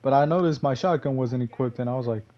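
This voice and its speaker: A man's voice: mid-range voice, fast, muffled recording. A man giving casual gameplay commentary, rambling and correcting himself, chuckling often.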